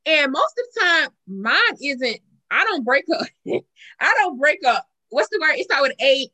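A woman with a Southern American accent hosting a casual group chat, animated and acting out conversations as she talks. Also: high voice, moderate pace, rough recording. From southern United States. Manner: animated, acts out remembered conversations. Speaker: talk show host.

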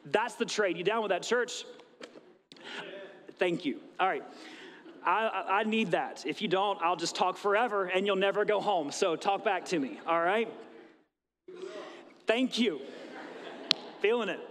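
A man in his thirties preaches to his congregation in a high-pitched, conversational voice, acting out small exchanges as he goes. His voice rings with the long reverb of a church hall. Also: measured pace, pauses often, a bit bright. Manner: conversational preaching, acts out little dialogues. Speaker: pastor. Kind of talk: sermon. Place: church sanctuary.

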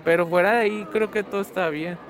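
A teenage boy with a notably high voice answers interview questions outdoors at his school. He rambles casually, full of fillers, and gets animated when he tells a story. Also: fast talker. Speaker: student interviewee. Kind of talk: casual chat.

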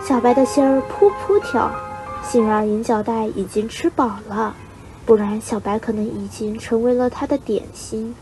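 A woman's voice: a little high, moderate pace, music in the background, low-quality recording. Teenage girl narrating a storybook. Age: teens. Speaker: student reader.

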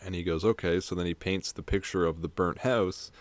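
A man's voice: sits low, steady tone, a little fast, no room sound. A young man co-hosting a podcast, casually retelling a film's plot in a rambling, profane way with frequent laughs. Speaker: podcast co-host. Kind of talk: casual film discussion.

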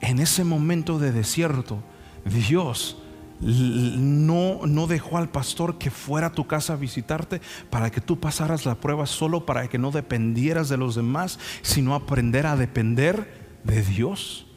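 A man preaching a sermon with fervor, his voice rising and falling as he speaks directly to his listeners, stumbling over quick restarts. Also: a little mellow. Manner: impassioned preaching that swings up and down in pitch. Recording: reverberant hall with faint music behind.

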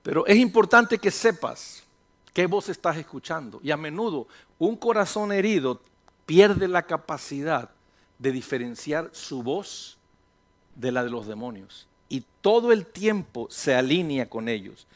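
A man's voice: a little high, expressive, measured pace. A middle-aged man, a pastor, preaching a sermon in a chatty, conversational way, acting out inner voices and joking with his congregation.

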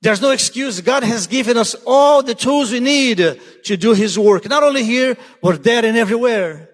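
High-voiced guest preacher, hall reverb. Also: male voice, expressive, moderate pace. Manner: urgent, repeats "listen" to drive points home. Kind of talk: sermon. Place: church sanctuary. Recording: long church hall reverb.

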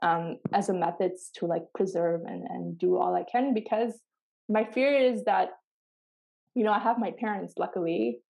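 This woman co-hosts a reflective podcast, and she talks in an earnest, searching way, frequently starting sentences over. Pashto and Farsi are her first languages. Her mid-range voice is mellow with some vocal fry.

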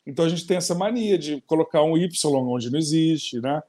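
Man, Brazilian Portuguese accent, interview host, slightly high voice, lively and chatty. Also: a little fast. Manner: lively, laughing, talks to viewers directly. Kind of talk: casual interview chat.

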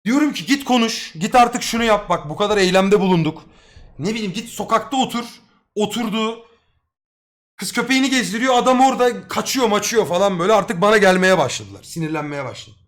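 A young man streaming and telling a story to his live chat in a casual, slangy and excitable way, swearing freely as he goes. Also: high voice, fairly quick.

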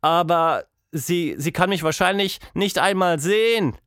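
Male narrator as unsure young girl, raised pitch, dry close sound. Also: unhurried, a bit bright, dry recording. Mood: hesitant. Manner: hesitant, faltering.

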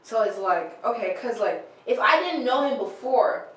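A woman's voice: a little high, normal speed. A young woman co-hosting a faith podcast, telling her story in casual chat full of "like" and laughs. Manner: animated, filler-heavy testimony with laughs. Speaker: podcast co-host. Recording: echoey room with faint ambience.

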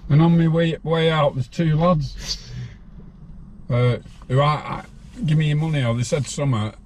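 A man's voice: on the high side, measured pace, darkish tone, slight background noise. A man, telling his life story bluntly as an interview guest. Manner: rambling, blunt, laughs while telling.

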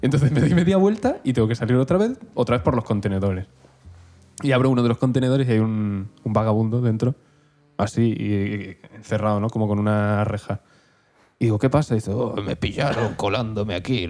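A man's voice: mid-range voice, warm tone. A man, co-hosting a casual chat podcast, joking and chipping in. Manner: joking, quick interjections. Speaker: podcast co-host.

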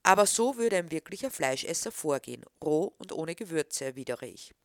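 A woman reading scripted narration in a calm, earnest, reflective way. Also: deep voice, normal speed, no echo, studio quality.

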